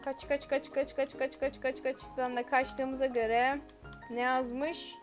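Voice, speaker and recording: A woman commentating her own gameplay as a YouTuber, excitable, exclaiming and giggling often. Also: sits high, a little slow, soft background music. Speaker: gaming YouTuber.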